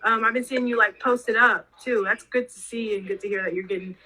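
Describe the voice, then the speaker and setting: A woman's voice: on the high side, steady tone, a little fast, sharp tone, rough recording. A young woman hosting a casual podcast interview, rambling loosely with lots of "like". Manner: rambling, heavy use of "like". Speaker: podcast host.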